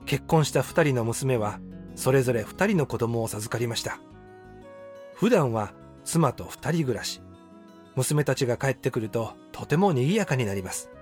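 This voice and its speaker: A man in his sixties calmly reading his own personal essay aloud in a measured, reflective way. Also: mid-range voice. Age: 60s. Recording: dry close voice with faint background music.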